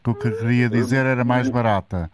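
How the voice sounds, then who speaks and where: A male radio host with a European Portuguese accent, moderating callers in a measured, polite way and correcting them when needed. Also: medium pitch, steady tone, over a noisy crowd. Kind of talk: call-in show moderation.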